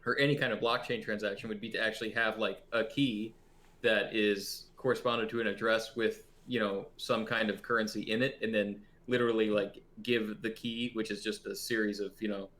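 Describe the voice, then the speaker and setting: A man's voice: on the low side, steady tone, a little fast, fairly bright tone. A man on a video call giving a plain, patient explanation in a casual group discussion. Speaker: discussion participant.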